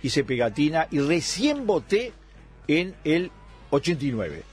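A husky, slightly raised voice belongs to a man. His pitch leaps widely as he argues in a radio debate. He repeats phrases and presses each point hard. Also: very animated, a little slow, faint music behind. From Italy. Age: 60s. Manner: emphatic, argumentative, repeats phrases for stress. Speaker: debate guest.

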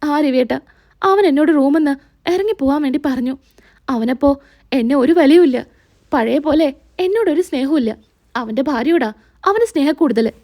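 A woman's voice: sits high, lively intonation, moderate pace, pauses often, darkish tone. A woman voicing a reproachful, tearful middle-aged mother in a retold TV serial scene. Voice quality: complaining, reproachful.

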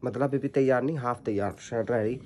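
A man's voice: mid-range voice, fast, darkish tone. A young man, chatting and teasing his family while filming a casual vlog at home on his phone. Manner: teasing, chatty, addresses viewers as guys. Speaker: vlogger.

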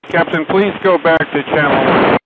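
A man calling over marine VHF radio from a pilot boat, calm and measured, repeating his questions. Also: a little high. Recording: tinny marine radio with loud static.

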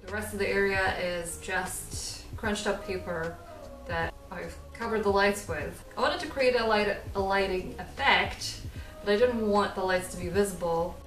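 At a measured pace, a woman in her thirties who vlogs about crafts shows off her home, joking at her own expense and laughing a lot. Her medium-pitched voice has a fairly bright tone, recorded from a distance in an indoor living room with background music.

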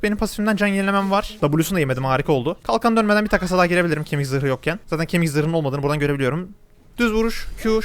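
A young man casually commentating his own match as he plays, chatty and talking straight to his viewers. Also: high voice. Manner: rapid, chatty, addresses viewers directly. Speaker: gameplay commentator. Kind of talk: live gameplay commentary.

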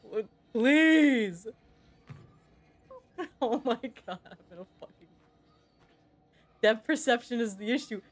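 A young woman streams a game at her desk mic, her voice pitched a little high. She talks slowly and drawls her words, swearing freely and bantering with her chat in exasperation. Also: husky. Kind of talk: casual gameplay streaming.

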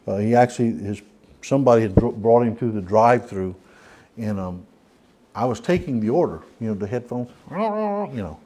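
A man with a Southern US accent leads an informal church Bible study. His voice sits at an ordinary middle pitch, and he talks in a folksy, rambling way, circling back with restarts and fillers. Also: animated, moderate pace, warm tone. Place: church hall.

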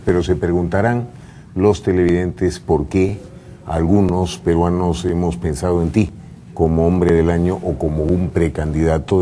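Deep mellow older male TV host. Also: slight background noise. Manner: formal, animated, questioning. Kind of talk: TV talk show hosting. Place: TV news studio.

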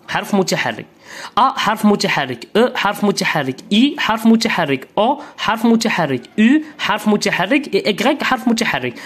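This beginner lesson is taught by a woman whose slightly husky voice carries a Moroccan Arabic accent. She is patient and repetitive, her pitch shifting widely as she explains, and she checks again and again that the learner is following along.

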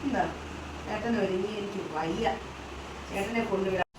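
A woman's voice: medium pitch, fairly even intonation, moderate pace, background noise. A woman filming a casual family vlog at home, talking to the viewers and coaxing her small child in a sing-song way. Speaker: vlogger and mother.

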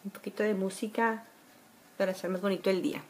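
A woman's voice: mid-range voice, steady tone, quick pace, a little mellow, husky. A woman, chatting casually through a makeup tutorial at home, with a lot of filler words. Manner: chatty, homely, many fillers. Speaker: beauty vlogger. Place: bedroom at home. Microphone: phone camera at arm's length.

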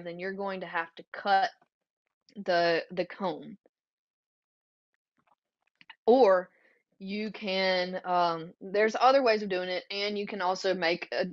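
A woman with a Southern US accent walks listeners through her slides in an earnest, conversational way, stopping often for ums and restarts. Her pitch sits in an ordinary middle range. The webinar audio is a little dull and muffled. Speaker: beekeeping workshop presenter.

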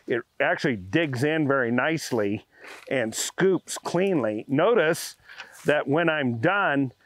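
A man in his sixties, a channel host, giving a folksy, hands-on product review in a workshop and out in a farm yard. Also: medium pitch. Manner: folksy, explanatory, hands-on demonstrating. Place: garage workshop, then outdoors on a farm yard.

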